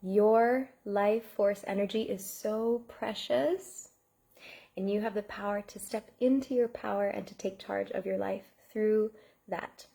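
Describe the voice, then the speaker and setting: A woman coach leads a live online masterclass in a medium-pitched, gravelly, dark voice, speaking steadily at a measured pace. Sincere and heartfelt, she reads out viewers' messages from the chat and thanks them by name.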